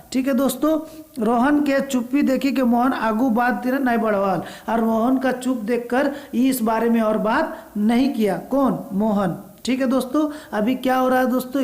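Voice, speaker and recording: A woman teacher with a fairly high voice walks her exam students through a story, one line at a time. She reads each dialect line aloud, then explains it in plain speech. She asks her own questions and answers them. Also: a little mellow.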